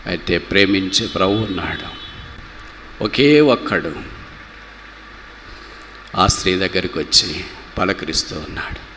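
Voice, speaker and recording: A man preaching a gospel sermon with passion, swinging from loud rhetorical questions to low, slow pleading. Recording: reverberant hall with faint background noise.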